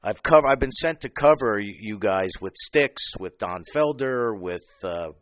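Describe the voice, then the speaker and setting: A man hosting a phone interview for his podcast, chatting easily and often stopping to restart his sentences. His voice sits a bit low, and the recording is dry with no room sound. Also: animated, fairly bright tone, dry recording. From New Jersey. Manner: chatty, halting with fillers and restarts. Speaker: podcast host.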